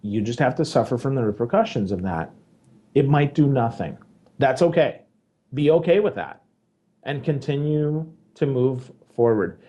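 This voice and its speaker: A man co-hosting a podcast, giving emphatic, lecturing advice in casual chat and swinging between loud and low. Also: animated, moderate pace. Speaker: podcast co-host.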